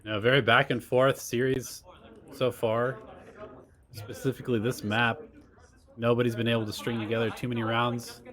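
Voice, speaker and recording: A man's voice: medium pitch, a bit bright. A man giving live colour commentary and analysis as an esports caster.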